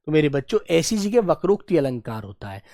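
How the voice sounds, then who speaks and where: A woman teacher giving a Hindi grammar lesson, dictating slowly and repeating phrases for her students to note down. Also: sing-song, mellow, dry recording, clean studio sound. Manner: acts out quoted dialogue with raised pitch.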